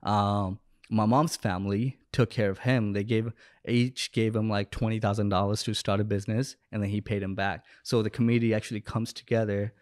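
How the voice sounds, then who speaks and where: A slightly fast talker with a low-leaning, steady, somewhat mellow voice, this young Bangladeshi man is a business owner and coach appearing as a podcast guest. He tells stories casually in the interview. Recorded indoors at home or in a studio on a close headset podcast mic, it has no room sound.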